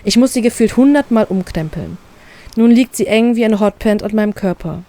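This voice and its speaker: A woman reading aloud a fanfiction story in first person, narrating calmly and evenly. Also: medium pitch, fairly quick. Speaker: fanfiction reader.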